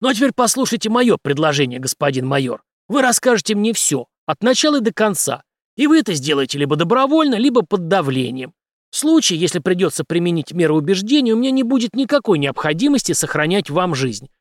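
A man's voice: high voice, big pitch swings, fast, no room sound, studio quality, pitched above the performer's own voice. A man voicing a confident, mocking male special-forces commander who speaks in a cool, menacing way. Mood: coolly menacing.

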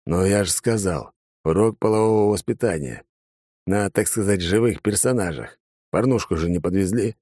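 A man's voice: low voice, normal speed, mellow, no echo, clean studio sound. A man voicing a brash, crude young ninja soldier in an audiobook, grumbling and cocky. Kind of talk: audiobook character voice.

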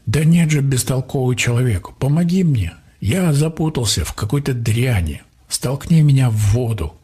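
A man voicing a proud, trapped male water spirit with a gurgling, grunting voice, speaking slowly and drawn out. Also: medium pitch, darkish tone, breathy edge, pitched above the performer's own voice. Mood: pleading. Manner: pleading then haughty, drawn-out slow speech.

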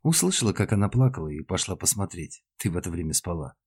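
An earnest young woman caught up in a train murder, put on by a male audiobook reader. She speaks eagerly, a little flustered, lifted above his husky, low natural voice. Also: animated, fast talker, a little mellow, heavily acted.

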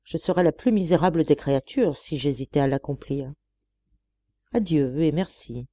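Woman reading as a self-sacrificing young heroine, earnest, pleading, mellow, dry. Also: low-pitched, normal speed, no room sound. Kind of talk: audiobook character reading.

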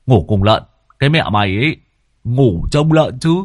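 Man plays a rowdy, teasing young farmhand, loud and lively, dry audio. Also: on the low side, takes it slowly, no echo. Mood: indignant. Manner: loud, mocking, excitable. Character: teasing mischievous young male servant.

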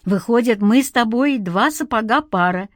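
A woman's voice: a little high, moderate pace, dry recording, natural voice. Woman doing a joking young man, exasperated, dry close sound. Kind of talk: audiobook character voice.

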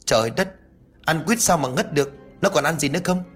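A man's voice: a little high, brisk, a bit bright, husky, soft background music, voice pushed up. A man playing a brusque middle-aged village medic in a spoken ghost story, asking curt, irritated questions.

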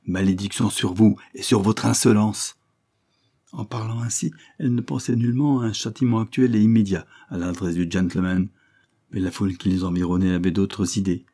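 A man narrating a classic novel as an audiobook, in a measured literary reading. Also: on the low side, mellow. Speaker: audiobook reader. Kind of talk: scripted narration.

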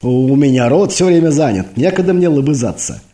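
A man's voice: mid-range voice, animated, a little fast, mellow, voice pushed up, close to an everyday voice. A man doing a brash, chatty army major. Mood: teasing. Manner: rambling, cheeky banter.

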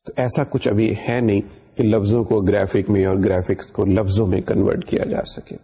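A man's voice: on the low side, little pitch movement, dark tone, breathy edge. A middle-aged man from Pakistan giving a university lecture, explaining patiently and slipping English phrases into his talk. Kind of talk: recorded lecture.

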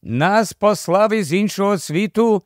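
A man playing an earnest schoolboy, slow and lifted in pitch. His lines come plain and sincere in a dry storybook reading. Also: no room sound.

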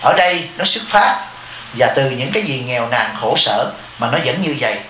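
A man's voice: mid-range voice, big pitch swings, normal speed, sharp tone, reverberant, a little hiss or hum, low-quality recording. A man, a Buddhist monk and temple abbot, giving a blunt, informal dharma talk to his disciples and speaking of himself in the third person as their teacher.

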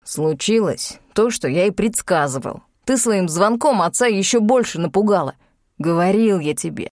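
A woman's voice: mid-range voice, animated, normal speed, a little mellow, no echo, clean studio sound, lightly acted. A woman reading an audiobook and voicing a curt, commanding young man who grumbles and gives orders. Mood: irritated. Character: gruff bossy young man, secretive and impatient. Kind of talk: audiobook character voice.

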